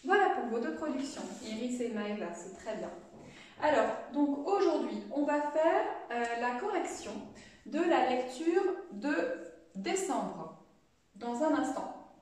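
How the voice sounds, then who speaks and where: A woman's voice: high-pitched, big pitch swings, unhurried, darkish tone. A woman teacher reading pupils' stories aloud expressively, then going over answers in a home-school lesson. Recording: echoey room, distant mic.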